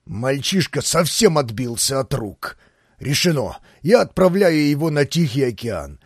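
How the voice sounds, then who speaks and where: A man voicing a blustering older male grand duke in an audiobook, booming and bossy. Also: sing-song, unhurried, breathy edge, dry recording, clean studio sound, heavily acted. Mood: scheming. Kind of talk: audiobook character voice.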